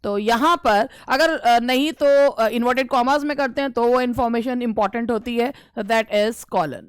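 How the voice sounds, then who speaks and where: A woman teaching A woman with an Indian accent gives an English grammar lesson for exam preparation. Her voice is fairly high and smooth, recorded dry and close. She reads each question deliberately, then explains it and answers her own questions. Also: no echo. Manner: asks questions and answers them herself.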